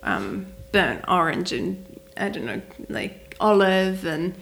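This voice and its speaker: Speaking slowly but very animatedly, this young Kiwi-accented wedding photographer has a fairly low, fairly bright voice with vocal fry and a little hiss or hum. She's being interviewed at home in her flat, chatty, quick to laugh and full of "like" fillers.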